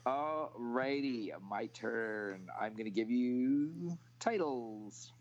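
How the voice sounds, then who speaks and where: Slow teasing quizmaster, lo-fi sound. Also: mid-range voice. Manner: relaxed, teasing, repeats "alrighty". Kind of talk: casual trivia chat.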